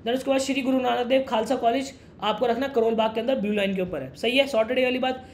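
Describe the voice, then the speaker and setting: A young man explains things quickly and casually, calling the listener "brother". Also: very high voice, steady tone, slight background noise. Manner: fast, brotherly, addresses viewer as "mere bhai". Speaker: education YouTuber. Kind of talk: casual explainer talking to camera.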